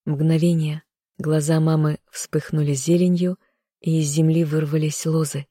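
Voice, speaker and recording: An audiobook narrator reading a dramatic first-person fantasy story in a steady, even way. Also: medium pitch, a little slow, dry recording, clean studio sound.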